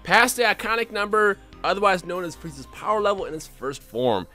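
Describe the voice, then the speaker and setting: A young man from Bosnia, a YouTuber talking unscripted to his viewers in an excitable, rambling way with lots of restarts. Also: sits high, brisk, faint music behind. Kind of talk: unscripted casual vlog talk.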